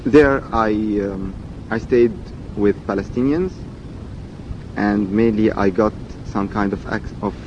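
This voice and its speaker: A dialect archive speaker, an Egyptian man in his twenties whose first language is Arabic, speaks with an Egyptian accent at a slow pace. He reads a set passage, then talks about himself with lots of fillers and repeated words. The recording is dull, with loud background rumble.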